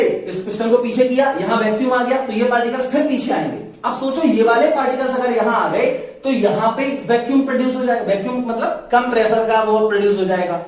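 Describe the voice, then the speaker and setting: A male physics teacher lecturing in a strongly echoing room, his voice picked up from a distance. He talks in a chatty classroom way and keeps asking the class whether they follow. He repeats key terms so the students say them back. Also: extremely high pitch. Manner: keeps asking the class rhetorical check questions. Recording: very echoey room, voice far from mic.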